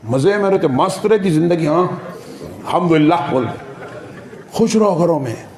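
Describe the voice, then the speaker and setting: Animated high-voiced male preacher. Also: moderate pace. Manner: animated, playful, mimics family members for the crowd. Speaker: Islamic preacher. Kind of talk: sermon.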